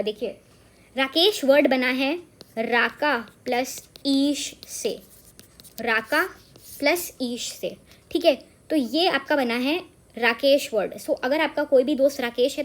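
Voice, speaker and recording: A woman's voice: high voice, expressive, normal speed. A woman teaching an exam-prep grammar lesson, mixing English into her Hindi and checking in often with rhetorical questions.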